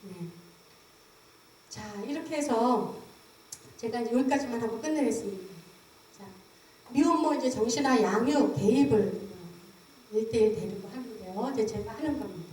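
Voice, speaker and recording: A woman's voice: a little high, moderate pace, pauses often. Korean woman lecturing in an echoey hall. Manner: acts out mothers' words to babies in a lively voice. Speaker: professor giving a lecture. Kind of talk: seminary public lecture. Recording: echoey hall, mic at a distance.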